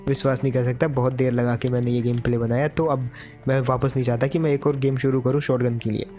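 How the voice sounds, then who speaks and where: A man narrates a mobile game round in a brisk, rapid patter. His talk is chatty and familiar, forever calling the audience brother. A faint music bed runs quietly behind him. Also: mid-range voice, flat delivery. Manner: chatty, calls the viewers "brother". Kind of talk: casual gameplay commentary.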